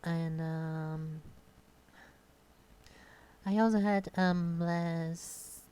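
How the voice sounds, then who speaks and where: A shy young woman with a Brazilian Portuguese accent, a content creator, speaks off the cuff in an unscripted casual monologue at her home computer, recorded on a close desk microphone. Her slightly low, soft-toned voice has fairly even intonation, and she speaks hesitantly, with many pauses and fillers.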